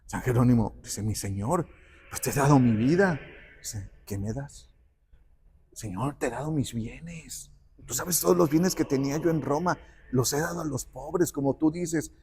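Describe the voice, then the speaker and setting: A man telling a saint's life in conversation, acting out the quoted dialogue with lively shifts. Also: medium pitch, moderate pace, gravelly. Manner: animated, acts out quoted dialogue. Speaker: guest speaker on the parish patron saint. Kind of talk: conversational storytelling.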